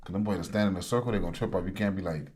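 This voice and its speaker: A man with a Lowcountry Gullah Geechee accent from coastal South Carolina, chatting casually on a podcast. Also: racing, a little mellow. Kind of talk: casual conversation.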